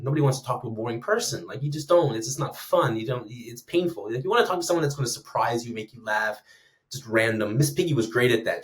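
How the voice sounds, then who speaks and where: A man in his thirties talking in an animated, rambling way, with many "like"s and restarts, in a casual podcast chat. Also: mid-range voice. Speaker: guest speaker on conversation design.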